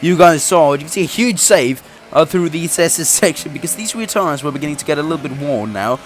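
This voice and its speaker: Speaking quickly in a slightly high, animated voice, a young gaming YouTuber chats through his racing game career race. He says he's sick and sounds a little off, laughing a lot and restarting his sentences.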